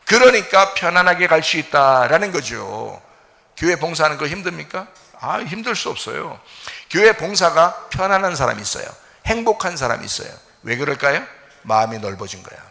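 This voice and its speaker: A male pastor preaching a sermon with passion, swinging between loud, fervent peaks and low, quiet stretches. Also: sing-song, fairly quick, creaky. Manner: impassioned preaching, swings from shouting to near-whisper. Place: church sanctuary. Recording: echoey church hall.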